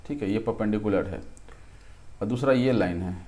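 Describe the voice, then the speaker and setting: A man's voice: lowish voice, normal speed, warm tone. A man teaching a physics lesson in a conversational way, often checking in with questions and correcting himself as he works through it. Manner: thinks aloud, restarts and self-corrects. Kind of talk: explaining a lesson at a board.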